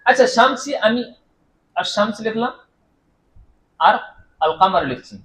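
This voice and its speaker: A man teaching Arabic grammar to a class. He repeats key terms, quizzes his students with questions he answers himself, and draws out his example words slowly. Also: sits high, animated, a bit bright. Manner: drawn-out, deliberate pronunciation of example words. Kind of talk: classroom lecture. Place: madrasah classroom. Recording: echoey room.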